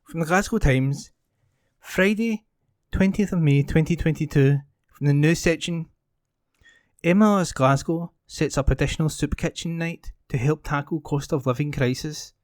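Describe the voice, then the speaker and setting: A man reading newspaper articles aloud as a volunteer, in a clear, formal delivery. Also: on the high side, normal speed, dry recording, clean studio sound.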